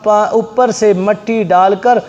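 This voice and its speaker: High-voiced impassioned preacher. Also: male voice, fairly even intonation, slow, dull audio. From Pakistan. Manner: impassioned, repeats lines, rising to shouts. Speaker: Islamic preacher. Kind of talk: fiery sermon storytelling. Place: large mosque with congregation. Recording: echoey mosque hall with crowd.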